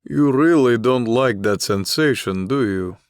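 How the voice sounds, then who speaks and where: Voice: mid-range voice, expressive, unhurried, clean tone, no room sound. An actor voicing a male spirit companion in an audiobook, wry and matter-of-fact, puzzled by human ways. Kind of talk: audiobook character reading. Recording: dry.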